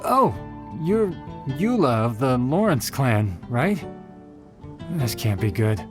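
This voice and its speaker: A man's voice: medium pitch, big pitch swings, takes it slowly, music in the background. A man voicing a nervous laborer bystander in a game, speaking warily and uneasily. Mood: uneasy. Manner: wary, uneasy.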